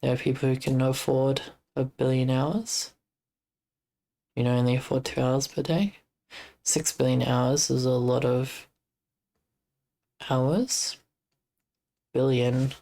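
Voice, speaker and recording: A woman's voice: a bass voice, steady tone, takes it slowly, long pauses, mellow. An Australian woman streaming live, chatting casually in a rambling way and reading chat messages aloud before answering them. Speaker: livestreamer.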